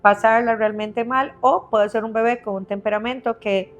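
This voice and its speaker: A woman's voice: on the high side, steady tone, normal speed, muffled recording. A woman specialist patiently explaining baby health on a podcast, step by step, often checking in with her listener.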